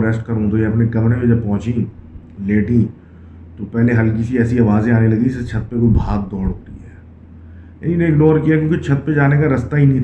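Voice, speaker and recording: A man casually narrating a ghost story in a conversational way, often mixing English phrases into his speech. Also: mid-range voice. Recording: echoey, tinny phone-like sound with faint hiss.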